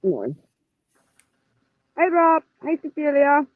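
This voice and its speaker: A woman's voice: sits high, huge pitch swings, slow pace, dry recording. A woman calling in through earbuds with a tinny sound, coming down with a cold, talking in a blunt, dry, weary way. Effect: tinny earbud mic over a call. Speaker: remote caller on a livestream. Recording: tinny, dry, phone-like call audio.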